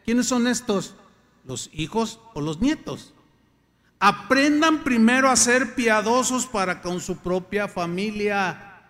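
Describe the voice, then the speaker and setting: A man's voice: sits high, animated, slow, fairly bright tone. An older man with a Mexican Spanish accent preaching a sermon as pastor, emphatic, sometimes acting out the voices he quotes. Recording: long hall reverb.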